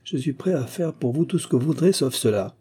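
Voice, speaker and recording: A man's voice: medium pitch, expressive, a little fast, warm tone, breathy edge, pitched above the performer's own voice. A man voicing a haughty, lean male detective in an audiobook reading, with lofty, theatrical delivery. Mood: fierce.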